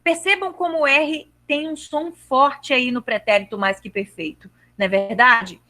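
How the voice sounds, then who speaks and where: A woman teaching a live online grammar lesson over a video call, patient, repeating herself and checking that her students understood, and drawing out verb endings slowly. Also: sits high, fairly even intonation, pushed and bright. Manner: slows down to stress verb endings.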